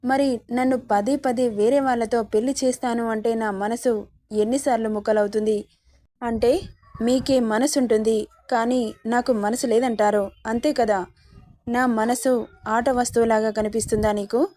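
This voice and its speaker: A woman's voice: on the high side, steady tone, normal speed, mellow, close to an everyday voice. A woman voicing a hurt, stubborn young heroine who speaks in reproachful, pleading questions.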